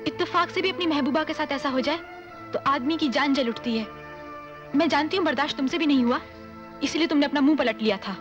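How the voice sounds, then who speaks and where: Actress as jealous young woman, high voice, dull lo-fi sound with loud music. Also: fast talker, natural voice. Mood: reproachful. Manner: teasing reproachful.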